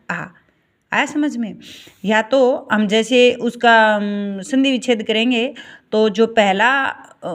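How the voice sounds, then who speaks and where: In a Hindi grammar class, a woman spells out the vowel sounds one at a time, checking in with her students as she goes. She speaks slowly, keeps repeating "ठीक है" and asks checking questions, in a fairly high, slightly bright voice.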